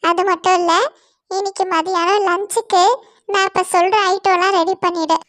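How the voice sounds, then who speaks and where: A woman's voice: very high voice, flat delivery, moderate pace, a bit bright, no echo, clean studio sound, faint music behind. A woman voicing a greedy, bossy young female bird who orders her sister around in a scornful, commanding way.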